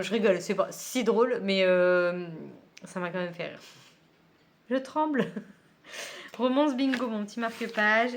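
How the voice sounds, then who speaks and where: A woman's voice: medium pitch, slight background noise. A woman book vlogger chatting casually at home while she unboxes a book subscription box, with many fillers and small laughs.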